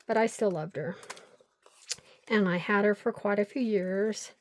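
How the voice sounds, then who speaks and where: The older woman behind the crafting vlog keeps up a rambling, self-directed chat full of stories as she glues paper pieces. She talks a little slowly at medium pitch, with a slight hiss or hum in the recording.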